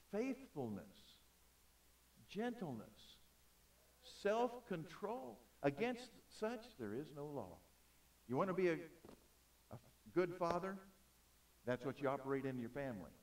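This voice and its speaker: A man preaching a sermon in an auditorium, emphatic, swinging between loud and soft. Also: fairly high pitch, recorded from a distance. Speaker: pastor.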